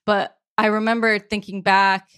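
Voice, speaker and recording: Woman, podcast guest, easygoing chatter full of "like", laughs a lot, mid-pitched, bone-dry close mic. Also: flat delivery, normal speed, a bit bright, smooth, no room sound. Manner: chatty, laughs often, many "like" fillers. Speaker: podcast guest, software developer. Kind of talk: casual podcast chat.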